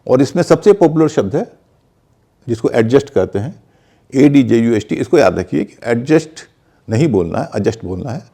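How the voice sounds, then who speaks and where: Gravelly man teaching pronunciation, dark-toned. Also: mid-range voice, sing-song, moderate pace. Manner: methodical, spells words out letter by letter and repeats examples. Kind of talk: explanatory lesson in conversation.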